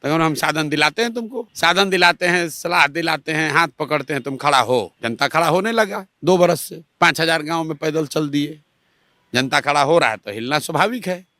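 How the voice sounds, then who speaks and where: जोशीले बिहारी लहजे वाला आदमी. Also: male voice, fairly high pitch, lively intonation, a little fast, pushed and bright, dry recording, clean studio sound. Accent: Bihari Hindi. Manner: emphatic, rhetorical, quotes others in mock dialogue. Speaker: party spokesman interviewed. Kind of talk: animated political argument. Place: Patna, Bihar.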